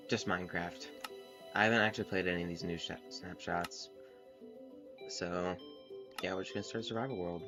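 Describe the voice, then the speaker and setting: A man's voice: low voice, moderate pace, pauses often. A man streaming a game through a headset mic, chatting casually and thinking aloud as he plays. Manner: relaxed, thinking aloud, trailing off. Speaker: gaming streamer. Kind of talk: casual livestream chat while playing. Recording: music playing behind the voice. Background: background music.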